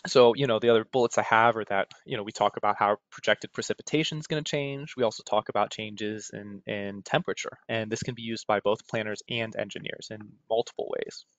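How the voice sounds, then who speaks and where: Speaking fairly quickly with few pauses, a man with a fairly low, steady, fairly bright voice delivers an informal technical webinar. He has an American accent, keeps it conversational with frequent "right?" check-ins, and the recording sounds roomy, dull and lo-fi.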